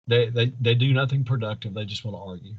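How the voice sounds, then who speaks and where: Here a fast-talking man with a mid-range, slightly breathy voice comes through on dull-sounding audio. Answering as a candidate in a campaign interview, he delivers speech-like statements in an earnest, preacherly way, layering parallel phrases to build each point.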